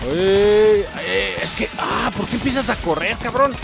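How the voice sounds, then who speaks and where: A man with a Mexican accent giving let's play commentary, excitable, swearing and yelling at the game as he plays. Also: high-pitched, unhurried, gravelly. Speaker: gameplay streamer. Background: game music.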